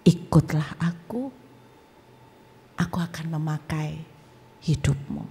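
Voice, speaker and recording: A calm, tender divine male voice, low and hushed, spoken slowly with gentle authority, as a woman preacher puts it on. The sound rings in a large church hall with a long reverb tail. The tone stays soft and reassuring throughout. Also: gravelly, slight background noise, exaggerated voice. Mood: solemn.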